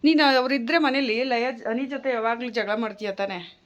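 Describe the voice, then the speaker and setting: Gentle young mother, slightly high voice. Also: normal speed, highs cut off. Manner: gentle, coaxing and reassuring. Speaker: mother and home vlogger. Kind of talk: casual home vlog chat.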